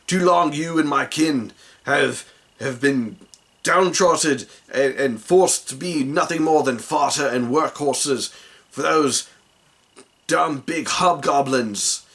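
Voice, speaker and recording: A man's voice: fairly high pitch, slow, a bit bright, pitched above the performer's own voice. Man doing a blustering goblin chieftain. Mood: rousing. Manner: rousing, blustering speechmaker. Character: ugly male goblin chieftain, scheming rabble-rouser.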